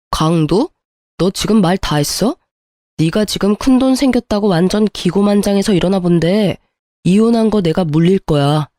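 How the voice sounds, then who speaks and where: A woman puts on a greedy ex-husband who blames and justifies himself at every turn. The voice is soft and mellow, recorded close and dry, as in a narrated audio story. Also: mid-range voice, dry recording, close to an everyday voice. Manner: accusing, self-justifying. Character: greedy, indignant ex-husband, adult man.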